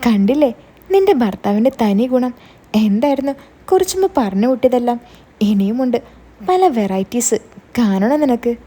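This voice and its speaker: A woman voicing a mocking young man who goads the listener, in her own soft, husky storytelling voice. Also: fairly high pitch, lively intonation, normal speed, long pauses. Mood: taunting. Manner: mocking, goading. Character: taunting young man revealing a secret.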